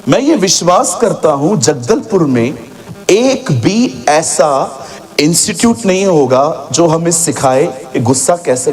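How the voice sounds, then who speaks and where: A man preaching a sermon as a pastor in a church, animated and sometimes shouting, mixing English phrases into his talk. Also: a little high, a little hiss or hum. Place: church hall with congregation.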